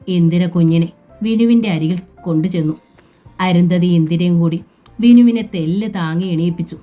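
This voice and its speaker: A woman narrates a family novel in a steady, measured way. Her voice sits low and sounds mellow and soft-edged. Soft background music plays faintly beneath her. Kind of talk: storybook reading of a novel.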